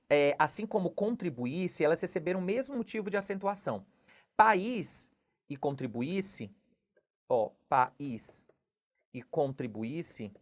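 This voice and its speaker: A low-pitched woman teaches Portuguese grammar by walking through exam questions. She explains patiently and keeps checking in with the listener after each point. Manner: explanatory, repeats "não é?" and "tudo bem?" often. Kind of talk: exam question walkthrough lesson.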